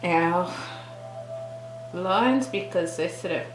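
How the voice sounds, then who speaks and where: A woman hosting a relaxed real-time colouring tutorial, chatting and thinking aloud with trailing restarts as she works. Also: fairly low pitch, slow pace. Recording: roomy echo with faint background music.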